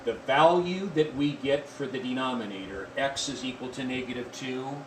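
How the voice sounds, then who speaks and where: A man teaching a math lesson, explaining step by step in a deliberate way and repeating key points. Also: medium pitch. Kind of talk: classroom math lecture. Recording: echoey room from far off with faint noise.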